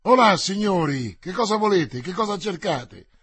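A man voicing a bold, quick-tempered swordsman who answers threats with mockery, in an audiobook. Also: high voice, animated, a bit bright, breathy edge, dry recording, voice pushed up, heavily acted. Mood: defiant. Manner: defiant, mocking, boastful.

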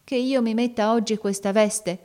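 A woman's voice: fairly high pitch, steady tone, normal speed, mellow, pitched above the performer's own voice, natural voice. A woman reading an audiobook, voicing a timid, modest young servant girl who speaks shyly and hesitantly. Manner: shy and hesitant.

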